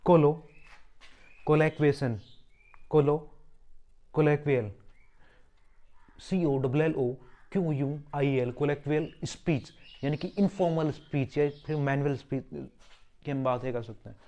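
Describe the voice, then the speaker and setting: A man with a somewhat high, dark voice teaches English vocabulary for an exam at a measured pace, keeping a steady tone and pausing often. He spells each word letter by letter, explains its roots and meaning, repeats words, and poses rhetorical questions to himself.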